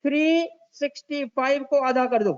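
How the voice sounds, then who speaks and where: Speaking at normal speed in a very high voice, a Pakistani man teaches a tax class in a mix of Urdu and English, calling on students by name and repeating the key points. The lecture recording is dull and lo-fi.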